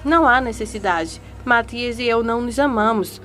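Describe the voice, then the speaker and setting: A grieving young bride, bitter and defiant, read by a woman. The voice is slightly high, with faint noise behind it. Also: normal speed, fairly bright tone, close to an everyday voice.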